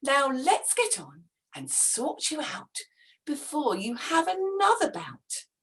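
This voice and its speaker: A woman voicing Father Christmas's smug, calm elderly wife, who soothes him and brags in rhyme. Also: sits high, takes it slowly, full character voice. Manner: soothing, then smug bragging.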